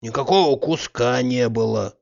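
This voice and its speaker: A man's voice: mid-range voice, moderate pace, close to an everyday voice. Man doing a stubborn grumbling old servant. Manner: gruff, stubborn, raised voice. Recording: slightly muffled audiobook recording.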